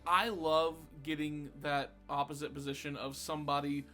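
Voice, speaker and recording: A man's voice: fairly high pitch, level tone, normal speed, pushed and bright, soft background music. A man who runs the game, chatting casually at a podcast roundtable, rambling and laughing often. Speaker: dungeon master of a tabletop game podcast.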